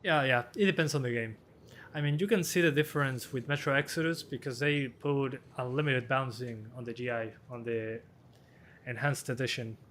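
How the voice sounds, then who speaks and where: Slightly hoarse young man streaming casually. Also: medium pitch, moderate pace, a bit bright, a little hiss or hum. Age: 20s. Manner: casual, offhand, chuckles between answers. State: slightly hoarse, losing his voice. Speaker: PC hardware tester and streamer. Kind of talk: live-stream chat answering viewer questions.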